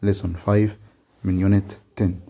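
A man with an Egyptian Arabic accent teaching primary pupils, saying each word several times, slowly, for them to repeat. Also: sits low, little pitch movement, vocal fry, dark tone. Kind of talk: online lesson for primary pupils.

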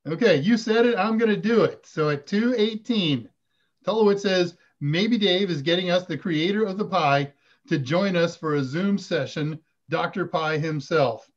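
An older male host with a fairly high voice chats in a relaxed way at a moderate pace, reading viewer questions aloud during a live stream Q&A. He's in a home room with curtains, and the video call webcam gives the sound a dull quality.

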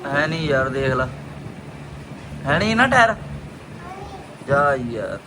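A man with a Punjabi accent, a father making a family vlog, chats casually and playfully in a mid-range, sing-song voice at a slow pace. Loud ambient and vehicle noise fills the recording.

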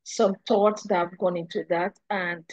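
A woman speaking haltingly with many fillers in an online meeting, her call audio breaking up and dropping in and out. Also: lowish voice, fairly even intonation, a little mellow, no room sound, lo-fi sound. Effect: choppy call audio, volume dropping in and out. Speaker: working group meeting participant. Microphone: computer or phone mic on a video call.

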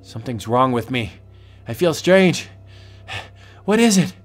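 A man's voice: medium pitch, sing-song, measured pace, faint music behind. A man voicing a cruel, obsessed male big-game hunter with an arrogant, domineering manner. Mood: uneasy. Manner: arrogant, domineering, later panicked.

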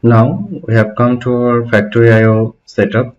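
A man's voice: mid-range voice, moderate pace. A man in his thirties giving a step-by-step technical tutorial from a desk in a small room. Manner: steady step-by-step explaining. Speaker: automation instructor. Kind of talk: screen-recorded technical tutorial. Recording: dull lo-fi home recording.

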